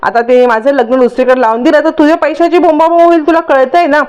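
A scheming young woman who poses as a rich man's daughter talks back defiantly and haughtily, as a woman narrator reads her. Her lines come out a bit higher than the narration. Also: fairly even intonation, fast talker, a little mellow, lo-fi sound, lightly acted. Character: lying young woman, arrogant impostor daughter.

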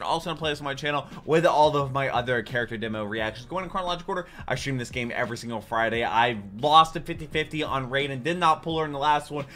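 A man with a somewhat high, sharp-toned voice hosts reaction videos, offering loose, chatty commentary. He records indoors in a small home room with soft music in the background.

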